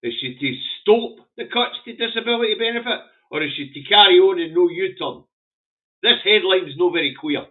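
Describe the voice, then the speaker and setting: A man's voice: sits high, normal speed. A man with a broad Scottish accent giving casual, opinionated commentary in a blunt, sweary, rambling way. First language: Scots. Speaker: vlogger reviewing the day's newspaper front pages. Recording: muffled phone-like narrow-band audio.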